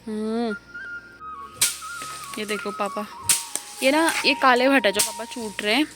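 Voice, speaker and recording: A young woman talks straight to her viewers in a relaxed home vlog, her voice sitting a little high. She chats and tells stories easily, a bit stuffy from a cold. Loud background music plays under her the whole time. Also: measured pace, poor audio. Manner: chatty storytelling, mixing in English words. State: has a cold. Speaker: vlogger. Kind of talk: casual vlog chat to viewers.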